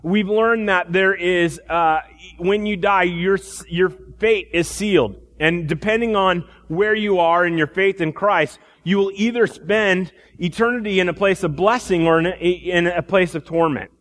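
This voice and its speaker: A preacher giving a sermon at a pulpit microphone, in a relaxed teaching tone with frequent restarts. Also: male voice, sits high, measured pace, long reverb tail.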